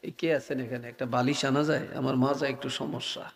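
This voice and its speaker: A man preaching a sermon, telling a story slowly and softly, sometimes in a sing-song chant. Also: medium pitch, steady tone, gravelly. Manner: slow, soft-spoken storytelling, sing-song chanting at times. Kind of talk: Bengali waz sermon. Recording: echoey hall.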